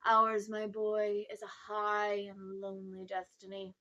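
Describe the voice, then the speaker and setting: A woman's voice: mid-range voice, completely flat delivery, unhurried, pushed and bright, lo-fi sound. A woman voicing a pompous old uncle who dabbles in magic, condescending and evasive, in a storybook reading. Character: pompous, self-important old uncle, sly amateur magician.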